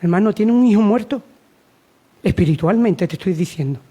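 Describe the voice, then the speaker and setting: This Spanish preacher urges his congregation on, repeating phrases and asking rhetorical questions. He speaks at a normal pace in a high-pitched, animated voice that is mellow with a husky grain.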